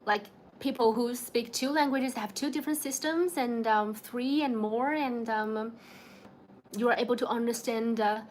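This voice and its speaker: In the evening at home, a young Chinese woman hosts a casual livestream, speaking with a Chinese accent, laughing often, and greeting viewers by name. Her voice is on the high side and a little mellow, at normal speed, with slight background noise.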